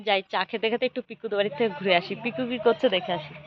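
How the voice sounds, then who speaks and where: A woman vlogging casually around her home and garden, talking softly and unhurriedly to her viewers. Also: highs cut off, background noise. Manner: soft, unhurried narration, louder and higher when coaxing a child.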